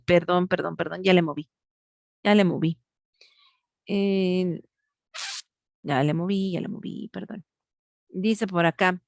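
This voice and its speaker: Speaking in a lowish, creaky voice, a woman teacher leads an online grammar class over video call. She's patient, walks through each step, and asks students to answer. The sound is studio quality with no echo.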